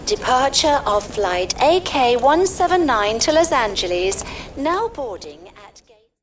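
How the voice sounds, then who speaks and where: A woman's voice: high-pitched, big pitch swings, measured pace, distant mic. A woman as an airport announcer over the intercom. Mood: formal. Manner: formal announcement. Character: female airport gate announcer.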